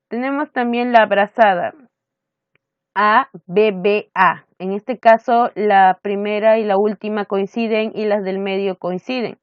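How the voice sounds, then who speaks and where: A woman literature teacher giving an online class lecture. She reads verses slowly, stresses syllables and rhymes, and often checks in with her students. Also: mid-range voice, dry recording, dull audio. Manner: checks in with "¿no es cierto?".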